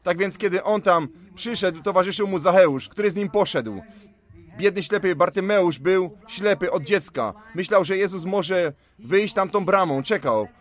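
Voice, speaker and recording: A man with a fairly high voice delivers a sermon. He retells stories with emphatic, storytelling force and leans hard on key words. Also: expressive, normal speed. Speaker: preacher.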